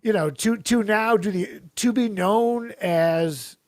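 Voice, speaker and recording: High-pitched man ranting on a comedy podcast. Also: slow pace, no room sound, clean studio sound. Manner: ranting, opinionated, profane; acts out imagined quotes.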